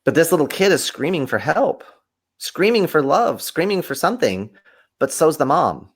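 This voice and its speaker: A man, a podcast guest, telling stories animatedly in conversation and acting out quoted voices with big swings in pitch. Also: sing-song, moderate pace, breathy edge. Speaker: podcast guest, kung fu teacher.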